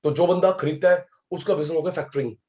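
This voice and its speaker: A man teaching an online exam-prep class as a professor, animated, repeating key terms, mixing in English terms and calling on students by name. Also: on the high side, fast talker, lo-fi sound. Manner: mixes English terms into speech.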